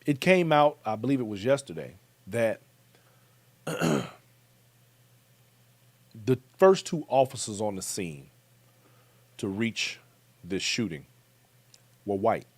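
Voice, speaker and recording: A man's voice: fairly low pitch, big pitch swings, slow pace, pauses often, no echo. A man with an American accent hosting a commentary show, talking emphatically and speaking straight to his viewers. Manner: emphatic, direct address to viewers.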